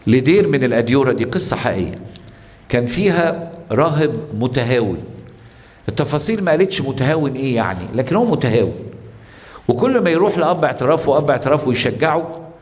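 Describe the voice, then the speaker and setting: Egyptian priest giving a sermon, tells stories, keeps asking the crowd questions, long echo like a big church hall. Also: male voice, mid-range voice, a little mellow. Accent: Egyptian Arabic. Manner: storytelling, with many rhetorical questions to the congregation.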